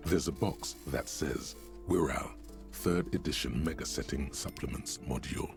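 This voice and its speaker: Booming deep game narrator, measured and disdainful, faint music behind. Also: male voice, creaky, full character voice. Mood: grave. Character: stern omniscient male game narrator, dry and scornful.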